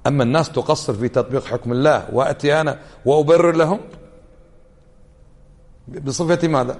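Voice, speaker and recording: A man's voice: mid-range voice, creaky, a little mellow. A male Islamic scholar giving a religious lesson, arguing with rhetorical questions. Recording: long hall reverb.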